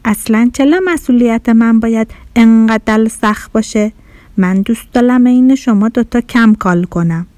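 A woman's voice: medium pitch, darkish tone, no room sound, lightly acted. A woman voicing a grumpy, lazy washing machine in a children's story, sulky and complaining. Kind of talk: storybook character voice.

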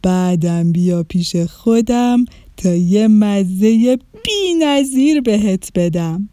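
A woman voicing an ancient, kind vinegar in a storybook, soothing and gentle. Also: mid-range voice, animated, no room sound, studio quality, lightly acted. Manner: warm, soothing, slow.

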